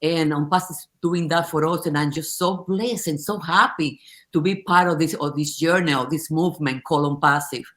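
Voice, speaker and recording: A woman's voice: low voice, normal speed, a bit bright. An older woman from the Dominican Republic talks as a guest over a video call. She sounds upbeat and reflective, stumbling and restarting now and then. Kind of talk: casual online chat.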